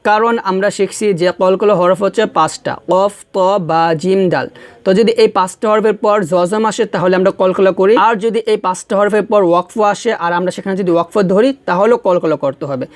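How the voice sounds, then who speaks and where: A man teaching Quran reading. He spells out each letter and vowel, draws the syllables out slowly, and gently corrects the listener before asking them to repeat after him. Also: sits high. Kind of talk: patient step-by-step recitation lesson.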